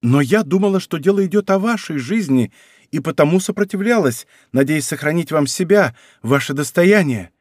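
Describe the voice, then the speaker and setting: A man's voice: on the high side, expressive, moderate pace, no room sound, clean studio sound. A man voicing an impassioned young noblewoman who pleads with her royal lover in an audiobook. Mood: pleading. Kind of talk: audiobook character reading.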